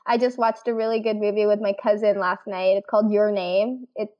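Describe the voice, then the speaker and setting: A woman co-hosting a casual podcast chat, gushing and excitable. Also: mid-range voice, fairly quick, lo-fi sound, crowd noise. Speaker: podcast co-host. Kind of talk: casual chat among friends.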